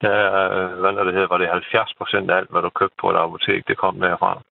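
A man's voice: low voice, flat delivery, creaky, dry recording. A middle-aged man calling in over the phone, chatting casually and rambling with repeated words and tag questions. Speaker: caller. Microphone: telephone. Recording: tinny phone line.

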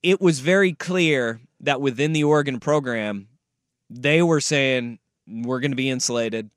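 A man's voice: medium pitch, measured pace, smooth, dry recording, studio quality. A man hosting a casual sports talk radio show, conversational and given to repeating phrases for emphasis. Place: radio studio.

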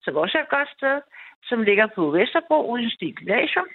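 Calling in to a radio show, a woman in her fifties rambles through a long personal story, full of restarts and fillers. Her voice sits on the high side with big pitch swings and a creaky, breathy edge, and the phone line sounds tinny and dry.

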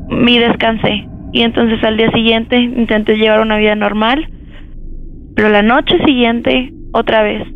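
A young woman calling in, telling a personal ghost story in halting speech that repeats words. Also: a little high, a little hiss or hum. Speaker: caller. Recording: dull phone line.

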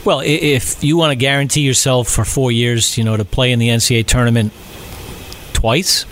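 A middle-aged man from Rhode Island, co-hosting a casual sports podcast chat, talking haltingly with many fillers and restarts. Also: medium pitch, fairly even intonation, fairly bright tone, a little hiss or hum. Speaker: podcast co-host.

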